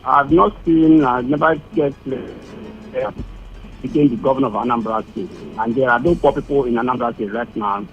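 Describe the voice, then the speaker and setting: A Nigerian man calling in to a radio show over a phone line. He speaks haltingly and repeats himself while he looks for words. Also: medium pitch, steady tone, faint music behind. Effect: heard over a phone line. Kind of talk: phone-in opinion call.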